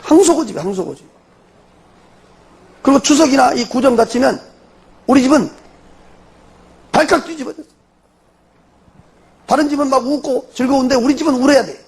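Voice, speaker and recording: An older man with a Jeolla accent, a church elder telling his testimony in an animated way and tossing in rhetorical questions. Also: extremely high pitch, normal speed, pauses often, breathy edge. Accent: Jeolla Korean. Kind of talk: spoken testimony before a congregation.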